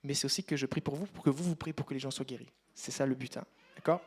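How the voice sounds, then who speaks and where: A man preaching a sermon, telling a personal story and addressing the congregation directly, turning loud and emphatic at times. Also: medium pitch, fast talker. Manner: rises to loud emphatic passages.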